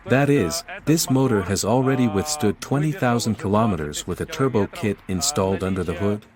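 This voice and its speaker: With a crowd in the background, a Ukrainian man leads an outdoor car walkaround, asking the owner questions and calling his audience "guys" as he guides them. His voice is lowish and his delivery brisk.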